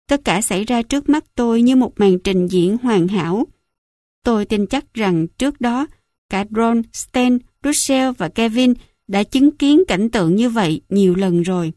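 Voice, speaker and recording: A woman narrating a memoir audiobook in calm, even storytelling into a close studio mic. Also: a little high, no echo. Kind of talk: scripted narration.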